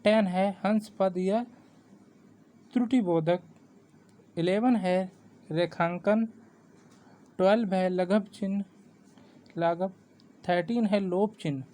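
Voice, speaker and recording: Male exam-prep tutor, warm low-key tone, steady explanatory delivery, lists points by number. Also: takes it slowly, pauses often. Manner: reads definitions steadily, counting items off with English ordinals. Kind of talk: explanatory grammar lesson.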